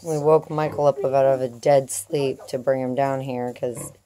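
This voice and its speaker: A woman chatting casually as she films her family farm outdoors on a handheld phone, gentle with the animals. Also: rumbling low, fairly even intonation, moderate pace. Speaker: homesteader filming family farm. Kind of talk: casual narrated farm vlog. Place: outdoors on a farm, in a small livestock shelter.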